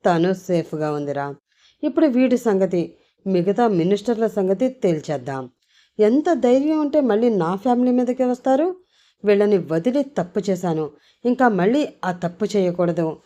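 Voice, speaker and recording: A woman's voice: mid-range voice, lively intonation, normal speed, mellow, natural voice. A woman voicing a tough young man, a gangster hero who speaks with cold menace. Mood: menacing.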